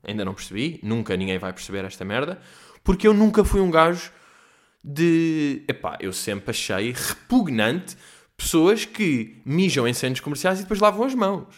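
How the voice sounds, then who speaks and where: A man with a European Portuguese accent hosting a solo comedy podcast from home, rambling and swearing, jumping between loud outbursts and low mutters. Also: sing-song, normal speed. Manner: profane, digressive, mixes in English phrases. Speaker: podcast host. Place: at home in quarantine.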